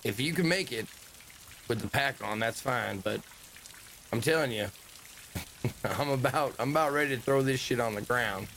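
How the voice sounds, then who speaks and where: A man bantering through a tabletop role-play, grumbling and joking with a ready curse word. His pitch sits mid-range, with faint rain in the background. He talks like he's among friends. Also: moderate pace, creaky, long pauses, fairly bright tone, slight background noise. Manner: joking, complaining, swears freely. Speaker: tabletop player. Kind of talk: casual in-character game banter.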